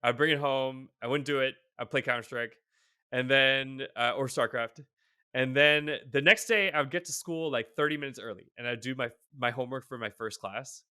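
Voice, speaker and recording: Guy in his 30s on a video call, bright crisp voice, dry sound, rambles a lot with lots of likes and ums. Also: medium pitch, normal speed, no room sound. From Boston area, USA. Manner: relaxed and rambling, lots of fillers and self-deprecating laughs. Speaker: guest, tech CTO. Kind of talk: casual interview. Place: home room, on a video call.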